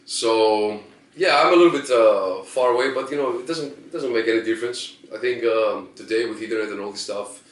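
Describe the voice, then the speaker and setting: A man's voice: lowish voice, brisk. A man with a Greek accent, a drummer giving short, friendly answers in simple phrasing in a backstage interview. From Greece. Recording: roomy, distant mic.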